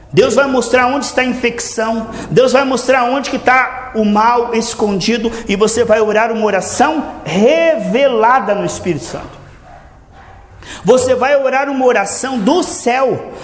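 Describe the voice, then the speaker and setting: High-voiced man preaching, echoey room. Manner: earnest, exhorting, keeps addressing "irmãos", drawn-out emphatic words. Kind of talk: sermon. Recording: echoey room with faint ambient noise.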